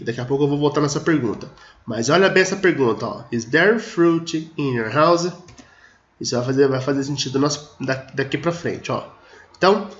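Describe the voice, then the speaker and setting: Male teacher explaining grammar, roomy room. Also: on the high side. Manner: explains step by step, often saying "ó" and "olha só"; reads example sentences slowly and deliberately. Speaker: English teacher. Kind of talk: video lesson explaining grammar at a board. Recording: roomy, dull sound with faint noise.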